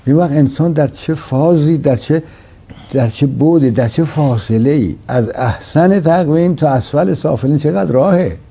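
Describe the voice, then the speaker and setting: A man in a reflective religious discussion, explaining slowly and quoting scripture. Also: fairly high pitch, vocal fry, warm tone, husky. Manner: measured, explanatory, quotes Quranic verses. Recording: dull lo-fi sound.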